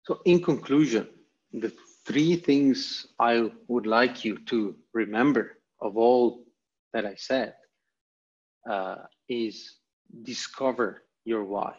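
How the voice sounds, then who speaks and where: A guest presenter from Italy gives a motivational online lecture over a video call, his Italian-accented mid-range voice slow with a breathy edge. He leans on emphatic, repeated short phrases, and the call audio is dull and lo-fi.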